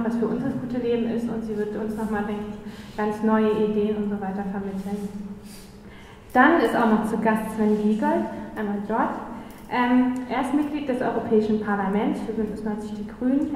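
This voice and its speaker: A woman's voice: on the high side, darkish tone. A young woman moderating a panel discussion, introducing guests with many fillers, on a handheld mic in a small room. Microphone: handheld mic, far camera. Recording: echoey hall from far off, faint noise.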